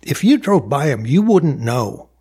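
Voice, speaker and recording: A man with a husky, slightly breathy voice, answering interview questions as a local politician. He sounds proud and upbeat, stacking up achievements with plenty of uh and restarts. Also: medium pitch, big pitch swings, measured pace, mellow. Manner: upbeat, boastful, frequent uh fillers. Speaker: mayor and county supervisor candidate.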